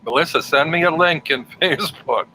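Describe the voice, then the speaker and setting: A man hosting a livestream talks casually with a guest and his viewers, using a fairly high, pushed and bright voice at normal speed. He's on a home livestream setup, and the rough recording carries faint background noise.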